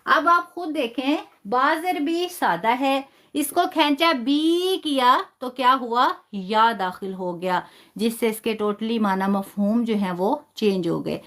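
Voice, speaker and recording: A woman's voice: on the high side, animated, slow, fairly bright tone. A woman teaching a live online Quran lesson, patiently explaining step by step, stretching demonstration syllables and often praising students.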